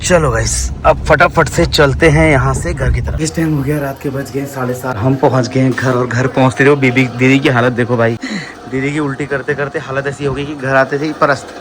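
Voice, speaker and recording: A man's voice: medium pitch, steady tone, a little fast. A young man casually narrating his family vlog, chatty and teasing, talking to viewers and relatives. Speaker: vlogger and travel company owner. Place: family homes and car, indoors and out.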